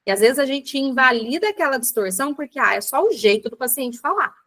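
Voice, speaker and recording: A Brazilian psychologist woman gives a casual online lecture in a bright, somewhat high voice. She chats with her listeners directly and acts out little everyday examples as she teaches. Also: animated, fairly quick. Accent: Brazilian Portuguese. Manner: chatty, addresses audience as "gente", acts out examples. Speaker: psychologist teaching a book club class.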